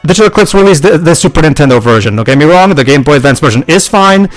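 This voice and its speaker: Guy hosting a game commentary, slightly high voice, stammers a lot, faint music. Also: animated, fast talker, rough recording. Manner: stammering, repeats words often. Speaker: host of a gaming commentary.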